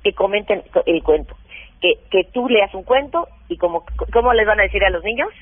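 A woman parenting expert giving practical advice in an animated, hands-on way during a radio interview, heard over a phone line. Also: mid-range voice, fairly quick, dry recording. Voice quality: practical, animated, acts out what mothers say.

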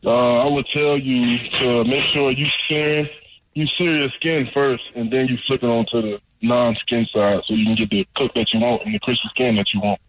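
A young man speaking over the phone as a guest in an interview, giving relaxed, brief answers and often repeating words. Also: mid-range voice, normal speed. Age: young adult. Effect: heard over a phone line. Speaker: football draft prospect guest. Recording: noisy phone line from afar.

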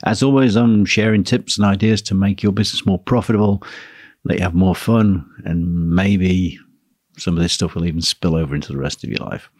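A man hosting a solo talk on running a teaching business, speaking in a relaxed, musing way. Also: sits low, fairly quick. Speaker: podcast host, guitar teacher.

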